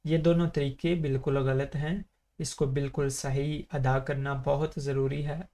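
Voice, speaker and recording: A man teaching beginners to read the Arabic letters of the Quran in a recorded lesson, stretching each letter name long and then explaining quickly. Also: mid-range voice, little pitch movement, dark tone. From Pakistan.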